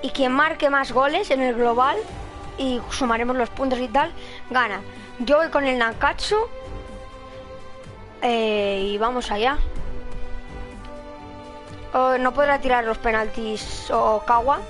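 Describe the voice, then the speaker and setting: A woman with a Spain Spanish accent doing casual, energetic, excitable commentary as a live game streamer. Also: sits high, slow, pauses often, soft background music.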